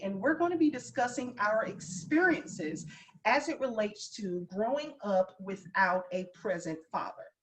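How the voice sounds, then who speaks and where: A woman host guiding a panel talk and sharing her own experience in a steady manner. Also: on the high side. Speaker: podcast host. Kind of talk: hosting a discussion panel.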